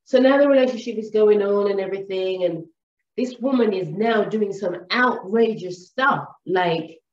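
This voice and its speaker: A woman and mother teaching about relationships in an animated storytelling way, acting out what people say. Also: mid-range voice, moderate pace. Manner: animated, storytelling, acts out quotes. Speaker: wellness teacher. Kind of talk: advice monologue. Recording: echoey room, distant mic, dull sound.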